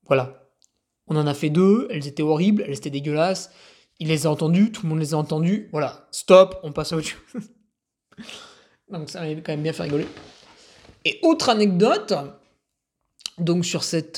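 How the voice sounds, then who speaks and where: Race announcer, casual storytelling, animated, rambling, self-deprecating. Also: mid-range voice. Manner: chatty, rambling, animated with self-mocking asides.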